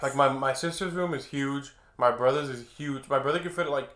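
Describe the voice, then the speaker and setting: A young man with a mid-pitched voice chats like a laid-back stoner. He muses in halting, slangy phrases, and the room echoes noticeably around him. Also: fairly bright tone. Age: young adult. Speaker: co-host. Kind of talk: casual chat. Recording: roomy, echoing indoor sound.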